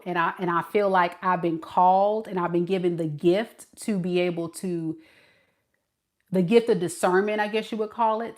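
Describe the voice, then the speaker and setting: A woman from California whose speech carries some Mississippi dialect, chatting casually with her live-stream viewers and laughing often. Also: lowish voice. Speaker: tarot reader reading live chat.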